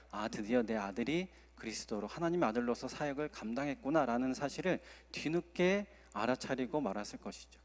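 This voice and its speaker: A male associate pastor preaching a sermon at a Friday service, earnest and acting out quoted dialogue. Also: mid-range voice. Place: church sanctuary. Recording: long church hall reverb.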